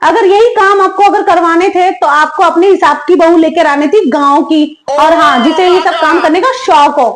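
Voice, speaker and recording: A woman voicing a lazy, cheeky young daughter-in-law who talks back quickly and chattily in a comic family sketch. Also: very high voice, fairly even intonation, crowd noise. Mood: arguing. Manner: quick, chatty, giggly backtalk.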